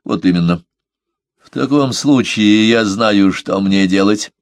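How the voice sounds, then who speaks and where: A man voicing a stubborn old ship captain who speaks in a flat, dazed way. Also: lowish voice, unhurried, dry recording.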